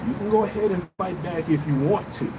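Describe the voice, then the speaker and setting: The livestream host here is an American man with a high-sitting voice and a fairly quick pace. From an urban balcony he launches into a casual, profane political rant full of repeated phrases, with vehicles and loud street noise all around.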